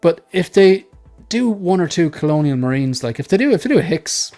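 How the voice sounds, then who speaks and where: Casting: male panel host, voice a bit above average in pitch, conversational, rambling. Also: sing-song, a little fast, mellow, faint music behind. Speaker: host of a hobby panel show. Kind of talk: casual chat.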